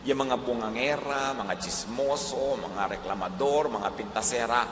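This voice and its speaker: A man preaching a sermon as pastor, animated, slipping English phrases into his talk. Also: medium pitch, a little slow. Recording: echoey hall with faint noise.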